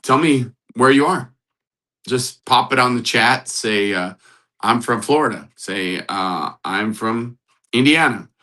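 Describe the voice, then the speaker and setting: A man's voice: medium pitch, slow, sharp tone, rough recording. A man hosting a casual live stream as a matchmaker, upbeat, greeting viewers in the chat and repeating motivational phrases. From United States. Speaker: livestream host and matchmaker.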